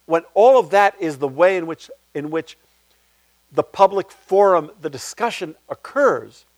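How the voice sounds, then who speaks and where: A man's voice: measured pace, no room sound. A man, a playwright, answering audience questions at a public talk in a reflective way, restarting his sentences often. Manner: reflective, restarts often, animated pitch swings. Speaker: guest speaker, playwright.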